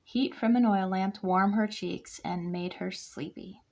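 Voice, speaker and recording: A woman's voice: medium pitch, unhurried. A woman reading a children's picture book aloud to a kindergarten class, acting out the character lines. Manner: expressive, acts out character lines. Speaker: guest reader for a kindergarten class.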